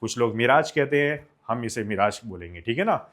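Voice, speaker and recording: A man's voice: medium pitch, expressive, a little fast, a bit bright. A young man from India teaching a science lesson for exams, mixing Hindi and English, asking questions and answering them himself, and calling his students children. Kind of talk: exam-focused science lecture.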